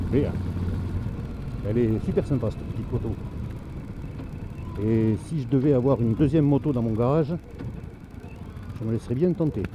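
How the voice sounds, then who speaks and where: A man chats casually to himself inside his helmet as a motorcycle vlogger out riding. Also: medium pitch. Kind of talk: casual solo chat while riding. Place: outdoors, riding a motorcycle on roads. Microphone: microphone inside the helmet. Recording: steady engine, wind and road noise.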